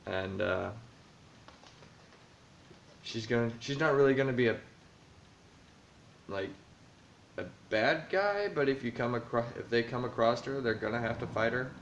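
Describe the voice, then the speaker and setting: Gravelly and mid-range, his voice keeps a measured pace and pauses often. He's casually vlogging from a room at home about his tabletop game as dungeon master, thinking aloud with many fillers, in a roomy, dull lo-fi recording with slight background noise.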